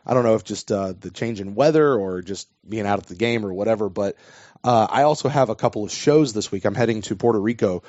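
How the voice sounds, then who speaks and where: Slightly hoarse man hosting a podcast. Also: lowish voice, fast talker, darkish tone, no room sound. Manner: rambling, restarts sentences. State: losing his voice. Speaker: podcast host. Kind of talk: casual sports podcast chat. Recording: dull dry podcast audio.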